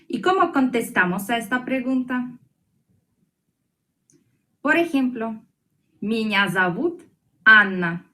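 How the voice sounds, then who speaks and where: A woman teaching an online language class, slow and patient, repeating each word for her students to echo. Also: a little high, animated, bright, forceful tone.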